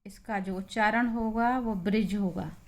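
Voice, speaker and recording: A woman teaching English pronunciation, patiently spelling out example words and repeating each one slowly. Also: medium pitch. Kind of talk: slow spoken pronunciation lesson.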